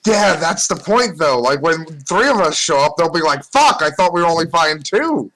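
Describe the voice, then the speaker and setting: Male tabletop player, slightly high, very animated pitch, joking banter. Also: moderate pace.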